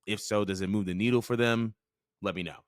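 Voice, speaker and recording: A man co-hosting a casual chat show, leading the topics in a clear, steady, presenter-like way. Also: lowish voice, a little fast, dry recording, clean studio sound. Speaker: podcast co-host.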